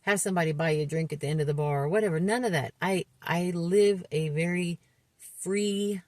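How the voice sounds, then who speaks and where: A woman in her mid-fifties talks frankly about her life in a low, grounded voice. She speaks earnestly and haltingly, often restarting her sentences. The sound is close and dry, with no room around it. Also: darkish tone, no room sound. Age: 50s. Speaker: recovery vlogger. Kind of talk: candid personal testimony.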